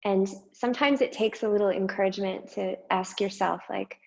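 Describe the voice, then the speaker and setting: A woman guiding a meditation and breathing exercise, speaking slowly and softly with long pauses. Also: mid-range voice, steady tone, vocal fry, lo-fi sound. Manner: slow, soft and unhurried with long pauses. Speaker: meditation guide. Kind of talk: guided meditation.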